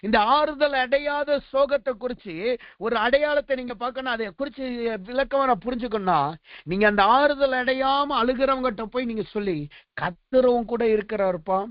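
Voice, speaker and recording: A man's voice: extremely high pitch, normal speed, no echo, highs cut off. A male pastor preaching a sermon, building his points through repeated rhetorical questions.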